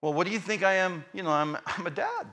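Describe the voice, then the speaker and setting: A middle-aged man preaching a sermon, telling stories dramatically and swinging from hushed lines to shouts. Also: sits high, sing-song, fast.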